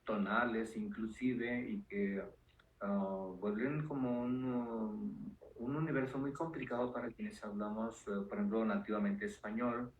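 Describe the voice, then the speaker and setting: A man, a neuropsychologist guest calmly explaining ideas with frequent fillers. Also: on the low side, measured pace, dull audio. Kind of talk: explanatory interview talk. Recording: roomy echo with faint noise.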